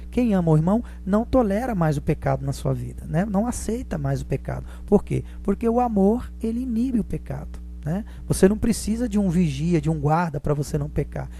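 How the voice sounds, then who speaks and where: Mellow preacher, "né?" after every phrase. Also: mid-range voice, a little hiss or hum. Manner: repetitive, tags nearly every phrase with a questioning "né?"; addresses listeners as "beloved". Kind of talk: sermon.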